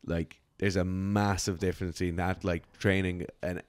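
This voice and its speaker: A man's voice: deep voice, level tone, normal speed, no echo. A man with an Irish accent, a strength coach co-hosting a casual podcast, talking bluntly and swearing freely. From Ireland. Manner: blunt, swears, mocks in put-on voices.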